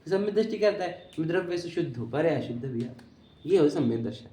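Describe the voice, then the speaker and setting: Male lecturer, a touch high-pitched, explaining doctrine and checking that the class follows, in a roomy hall. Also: animated, quick pace, dark tone. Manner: keeps checking that listeners follow. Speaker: teacher of Jain philosophy. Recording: echoey room.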